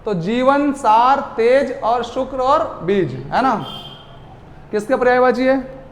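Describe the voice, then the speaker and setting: A man with a very high-pitched voice teaches a class and keeps firing questions at the students before answering them himself. His voice rings out with a long echo, as if in a large hall. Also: takes it slowly. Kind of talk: classroom lecture.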